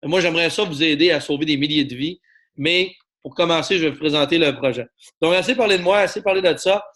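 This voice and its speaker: A man from Quebec with a Québécois French accent, giving a persuasive network marketing pitch and asking the audience to agree with him. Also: fast, fairly bright tone. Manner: persuasive, asks the audience for agreement, many fillers. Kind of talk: sales pitch to an online audience.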